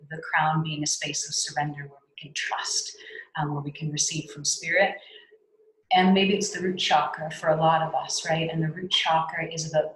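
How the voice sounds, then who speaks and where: A woman with a low, grounded voice leads a spiritual workshop over a video call. She talks gently and circles back with "right?" and "um", and at times bursts into blunt, salty speech to act out anger. The sound has a roomy echo. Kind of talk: guided teaching on a video call.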